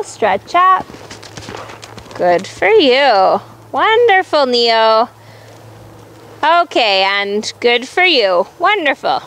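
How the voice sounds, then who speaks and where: Female riding coach, very high pitch, unhurried delivery of brisk projected commands, encouraging and firm, light background noise of a riding arena. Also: sharp tone. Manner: encouraging, firm, repeats short instructions. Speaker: horse riding instructor.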